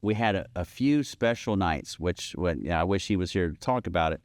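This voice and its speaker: A man in his fifties co-hosts a podcast in casual chat. He has a somewhat low voice and an easygoing, wry way of talking. The recording is close and dry. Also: animated, fairly quick, dry recording. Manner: easygoing, wry, chiming in with asides. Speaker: podcast co-host.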